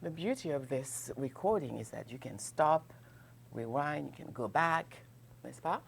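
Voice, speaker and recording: Slow, gravelly-voiced woman teaching French. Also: a bass voice, expressive, slight background noise. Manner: slow, patient, checks in with "n'est-ce pas" and "ok". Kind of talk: grammar lesson at a board, mixing French and English.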